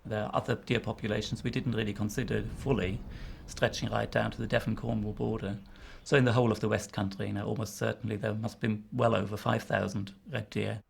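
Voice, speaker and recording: Gravelly man giving an expert interview. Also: on the low side, flat delivery, a little fast, few pauses. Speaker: interviewed expert on deer populations. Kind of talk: explanatory interview talk.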